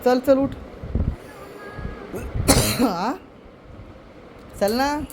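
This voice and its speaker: A man vlogs at home, teasing and coaxing a relative as part of a family prank, and his voice is extremely high and extremely slow. It's a casual prank vlog recorded indoors, with background noise.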